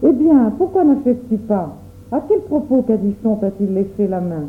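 A woman playing a stern, quick-tempered mother who scolds in an imperious way. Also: mid-range voice, big pitch swings, close to an everyday voice. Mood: scolding. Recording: tinny phone-like sound, roomy echo.

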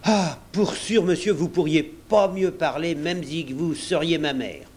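A man's voice: on the high side, a little slow, darkish tone, a little hiss or hum, voice pushed up, natural voice. A man voicing a wily, blunt old ship's cook who talks in folksy slang. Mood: pleading, indignant.

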